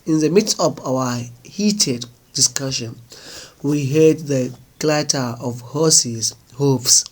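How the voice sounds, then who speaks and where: A man reading a folk tale aloud in a measured, unhurried storytelling manner. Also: mid-range voice. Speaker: narrator.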